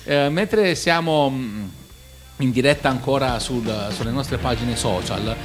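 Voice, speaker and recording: A man's voice: mid-range voice, a little slow. A man hosting a radio show with jokey, casual live banter, rambling and stumbling over words, often laughing as he talks. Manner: clownish, laughs while talking. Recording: music behind the voice. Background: music.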